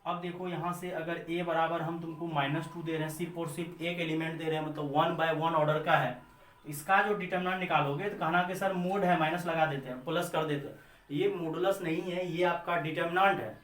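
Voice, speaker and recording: A man's voice: a little high, steady tone, a little fast, fairly bright tone. A man with an Indian accent teaching a maths class, who repeats his points, asks and answers his own questions, and calls his students children. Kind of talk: classroom lecture. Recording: echoey room, mic far off.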